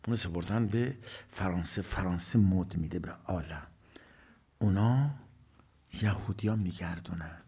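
A man's voice: sits low, warm tone, husky. A man giving a religious sermon, asking rhetorical questions and answering them himself, rising to emphatic bursts and dropping to whispered asides. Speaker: preacher.

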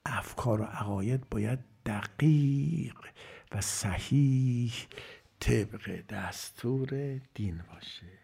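A man preaching a sermon, moving from loud, emphatic phrases to near-whispers. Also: medium pitch, creaky, breathy edge. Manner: dramatic swings from loud to whispered.

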